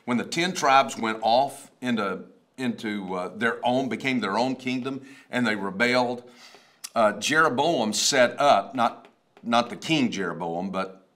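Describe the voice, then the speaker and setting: A man's voice: medium pitch, measured pace, a bit bright. A man in his sixties, a pastor, chatting about a sermon in a rambling storytelling way, often restarting. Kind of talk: casual chat about a sermon. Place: wood-paneled studio, seated at a table.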